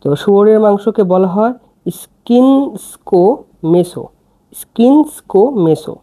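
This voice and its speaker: A very dark, mellow voice gives a slow, patient language lesson. Words come letter by letter and each phrase is said again and again. The pace is unhurried throughout, with steady repetition. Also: medium pitch. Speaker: language teacher.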